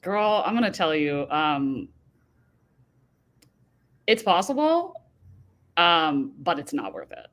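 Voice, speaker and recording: A woman's voice: low-pitched, big pitch swings, slow, pauses often, fairly bright tone. A woman in casual chat, talking frankly and with animation as a guest.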